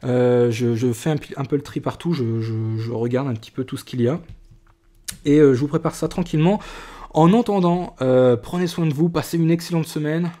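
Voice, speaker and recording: Chatty young man with a mellow voice. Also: fairly high pitch, a little fast. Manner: chatty, many fillers and restarts. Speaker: card collector vlogger. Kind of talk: casual card-opening video.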